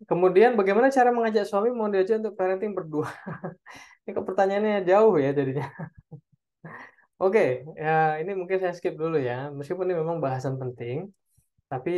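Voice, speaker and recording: A man's voice: a little high, a little mellow. A man giving a parenting webinar and answering audience questions. He talks in a loose, conversational way and keeps checking in with his listeners. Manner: conversational, tags phrases with "ya" and "oke". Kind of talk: online webinar Q&A talk.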